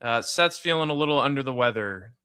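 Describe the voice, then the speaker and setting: A man's voice: medium pitch, lively intonation, a little fast, bright, forceful tone, clear, resonant tone. A man hosting a casual sports podcast, easygoing and upbeat as he introduces the episode and previews games. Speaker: podcast host. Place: home room with bare background.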